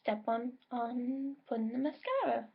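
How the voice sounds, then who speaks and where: A woman's voice: a little high, measured pace, vocal fry, husky. A woman giving a casual makeup tutorial in a chatty way, with self-correcting asides and an occasional cough. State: coughing now and then. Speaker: makeup vlogger. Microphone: laptop microphone. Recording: dull lo-fi home recording.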